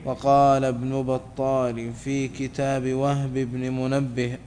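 Man reading in a flat monotone. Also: medium pitch, slight background noise. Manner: flat, measured recitation. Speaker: student reading a text aloud. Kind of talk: reading a classical religious text aloud.

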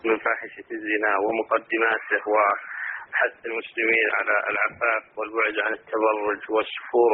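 A man phoning a religious programme, putting formal questions in a classical register and haltingly repeating words. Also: on the low side. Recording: narrow tinny phone line with hiss.

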